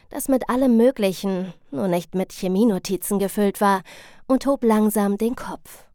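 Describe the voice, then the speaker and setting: A woman narrating a story in the first person, in a lively, wry storytelling manner. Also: mid-range voice, dry recording, studio quality. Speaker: audiobook narrator.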